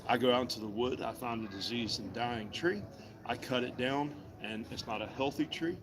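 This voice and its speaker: Chatting casually while demonstrating wood carving, a man from Virginia greets passing customers at his indoor mall vendor table in a friendly, folksy way. He speaks at normal speed in a mid-range voice, with background noise from the busy, chattering crowd.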